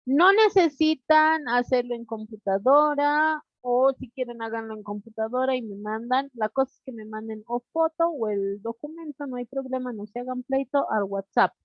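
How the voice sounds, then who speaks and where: A woman teaching an online class over a video call, deliberate, constantly checking in with her students. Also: on the high side, no room sound. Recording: dull lo-fi online class audio.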